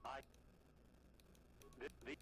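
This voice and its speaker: A man voicing a broken ancient computer that glitches, stutters and cuts its words off in a flat, formal way, heard through noisy game audio. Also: extremely slow. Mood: glitching. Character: broken ancient computer, male, cold and logical.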